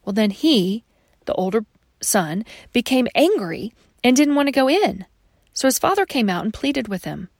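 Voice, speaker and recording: A woman's voice: fairly high pitch, normal speed, dry recording, clean studio sound. A woman teaching a devotional Bible study, retelling the story expressively and speaking to the listener directly as a friend. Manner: expressive storytelling, dropping at times to a soft hush.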